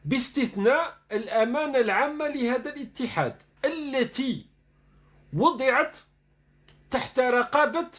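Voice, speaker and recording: A man's voice: very high-pitched, a bit bright. A man giving sarcastic online commentary, reading news dispatches aloud and then mocking them.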